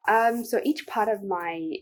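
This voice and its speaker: A young woman with a New Zealand accent answering interview questions as a poet, speaking in a soft, reflective way with many ums. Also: mid-range voice, unhurried, over loud music. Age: young adult.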